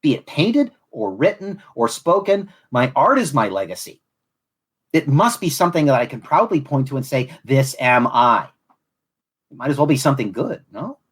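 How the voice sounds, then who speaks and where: A man from Southwest Florida hosts a podcast, delivering a reflective monologue in elaborate, formal phrasing. His mid-Atlantic accent drifts toward Southern, and his slightly rough, medium-pitched voice swings widely in pitch at a moderate pace.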